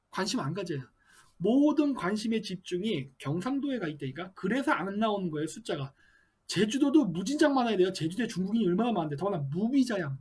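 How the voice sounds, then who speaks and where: Husky man giving emphatic commentary. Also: sits high. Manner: emphatic, rhetorical questions. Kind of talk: political commentary monologue.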